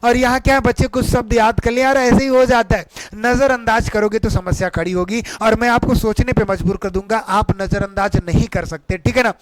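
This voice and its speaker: A man with a Hindi accent teaching an English pronunciation lesson online, energetic and repeating key points back to his students as questions. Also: very high-pitched, brisk, few pauses, no echo, poor audio.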